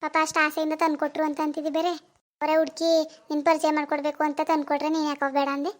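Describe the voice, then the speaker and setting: A woman voicing a caring, middle-aged village mother in an animated cartoon, coaxing and scolding her daughter. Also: high-pitched, rapid-fire, natural voice.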